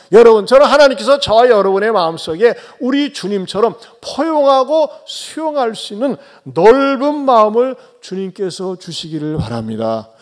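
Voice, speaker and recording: On a Sunday, a high-voiced male pastor delivers a sermon in which he speaks directly to his listeners and quizzes them. His delivery drops into quiet, low asides, then climbs into loud, pressing exhortation.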